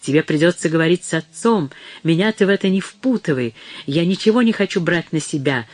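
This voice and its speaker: A man's voice: fairly high pitch, expressive, fairly quick, no room sound. A man reading an audiobook, voicing a hysterical middle-aged mother who screams and accuses her daughter. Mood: panicked.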